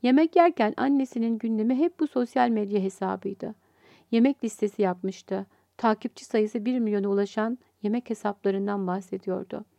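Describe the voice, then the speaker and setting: A woman, the story's author, reading her short story aloud in a calm, even storytelling manner. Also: mid-range voice, normal speed, gravelly, no echo. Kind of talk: storybook narration.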